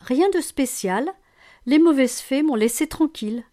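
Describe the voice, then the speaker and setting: A woman's voice: high voice, animated, measured pace, warm tone, dry recording, studio quality, pitched above the performer's own voice. A woman voicing a kind, gracious young girl in a storybook, speaking politely. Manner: graceful, polite.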